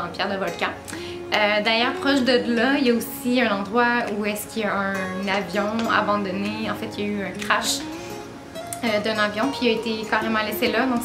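A woman in her twenties with a Québécois French accent, talking casually to camera about her travels, with lots of filler sounds. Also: medium pitch. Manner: chatty, many filler "euh"s, laughs at herself. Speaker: travel vlogger. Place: small room indoors with string lights and bookshelf. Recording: roomy echo, music behind.

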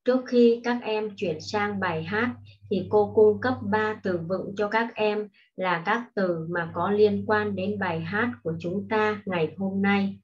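A woman teaching a primary school English lesson online, explaining patiently and slowly to children. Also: mid-range voice. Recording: dull lo-fi recording.

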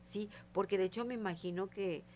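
A woman's voice: medium pitch, fairly quick, dark tone, a little hiss or hum. An older woman, a guest psychic telling stories in a casual interview and acting out the voices in them. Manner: tells stories vividly, acting out quoted dialogue.

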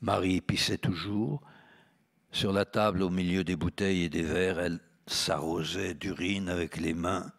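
A man, an actor, reading a literary text aloud at a live event, measured and deliberate, correcting his own slips. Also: low voice, steady tone, creaky.

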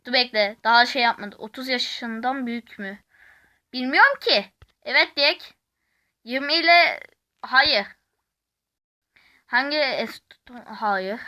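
A woman game host speaks in a high, bright voice. She takes her time as she reads questions aloud and comments on them casually. Her manner is expressive, given to dramatic exclamations of astonishment. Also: slow, long pauses. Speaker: YouTube gaming host.

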